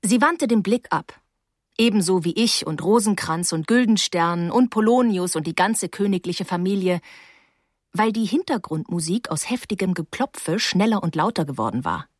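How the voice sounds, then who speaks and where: A woman reading first-person narration for an audiobook in a lively, wry storytelling manner. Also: lowish voice, moderate pace, no echo, clean studio sound.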